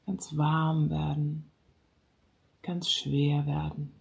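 Relaxation guide for a calming session: very slow, soft delivery with some whispered lines, low gravelly texture.

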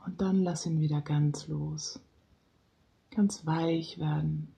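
Slow, soft-spoken relaxation guide. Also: medium pitch, fairly even intonation, gravelly.

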